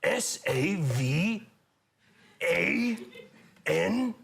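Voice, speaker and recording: A man's voice: high-pitched, very animated, drawn-out words, gravelly, fairly bright tone, breathy edge, heavily acted. A man doing a comic impression of an elderly naturalist narrator fleeing danger, spirited as he spells things out. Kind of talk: comic impression on a panel show. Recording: studio audience noise.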